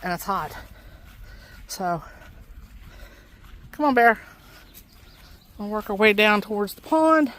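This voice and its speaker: Slow-talking woman in her garden. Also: mid-range voice, animated, fairly bright tone. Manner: chatty, talks to her pets and viewers. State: out of breath. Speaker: vlogger. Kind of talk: casual garden walk-through vlog. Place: outdoor garden.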